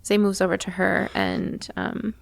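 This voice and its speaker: A woman's voice: medium pitch, flat delivery, unhurried, vocal fry. A woman chatting casually as a tabletop game player.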